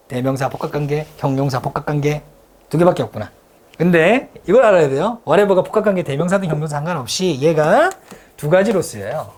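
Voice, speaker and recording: Lively chatty teacher explaining grammar. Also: medium pitch, a little hiss or hum. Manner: chatty, explains with quick rhetorical questions. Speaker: English teacher. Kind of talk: casual grammar lecture. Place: classroom with a blackboard.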